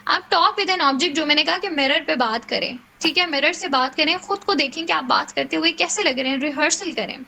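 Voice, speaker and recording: A young woman leads a communication skills lesson in a very high, bright voice with a gravelly edge of vocal fry. She talks in a chatty way, mixes English phrases into her talk and keeps checking that her class is following. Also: moderate pace, few pauses, low-quality recording. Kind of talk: classroom lecture.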